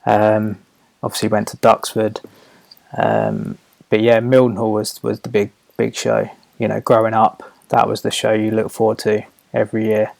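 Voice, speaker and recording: A man's voice: on the low side, normal speed, vocal fry, a little mellow, no echo. A man from southern England with a Home Counties accent, answering casually in an interview in short, hesitant, unassuming phrases. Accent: southern English, Home Counties. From Hertfordshire, England. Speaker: podcast guest, aviation photographer.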